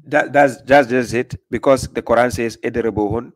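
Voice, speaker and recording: A man's voice: mid-range voice, steady tone, fairly quick. A man hosting a live call-in religious debate stream, pressing his caller with repeated questions. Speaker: livestream host. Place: small room indoors.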